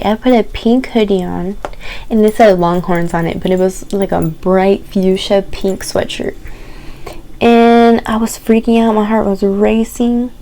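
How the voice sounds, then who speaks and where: A young adult woman vlogging, telling stories in a candid, animated, casual way, swearing and saying "like" often. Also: mid-range voice, slight background noise. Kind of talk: casual chatty storytelling.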